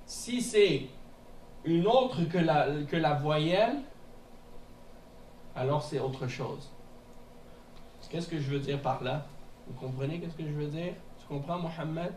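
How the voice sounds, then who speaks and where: A male teacher speaks in an unhurried, deliberate way, a little high for a man, as he walks his class through each point. He repeats words, checks that students follow, and sounds distant in an echoey room with a faint hiss behind him. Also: darkish tone. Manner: patient, repeats words slowly with checks like "hein?". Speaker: Arabic teacher. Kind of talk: classroom lesson. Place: mosque classroom.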